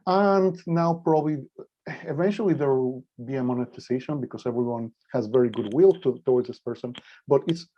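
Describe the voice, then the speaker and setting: Male guest lecturer, informal and halting, voice a bit weak with a cold, muffled lo-fi video call sound. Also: medium pitch. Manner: hesitant, halting delivery. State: slightly weak voice from a mild cold. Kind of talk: informal online presentation. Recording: dull, lo-fi video call audio.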